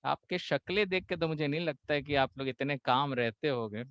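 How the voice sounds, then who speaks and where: An Indian man coaching a spoken English class, mixing Hindi and English, acting out quoted voices and slowing down on key English lines. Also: fairly high pitch, fairly bright tone, clear, resonant tone, no echo, muffled recording.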